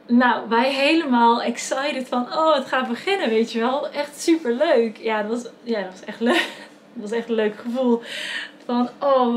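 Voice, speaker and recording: A woman's voice: fairly high pitch, a little hiss or hum. A young woman with a Dutch accent, casually telling a personal story to the camera, chatty and full of fillers and self-corrections. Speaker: vlogger telling her birth story.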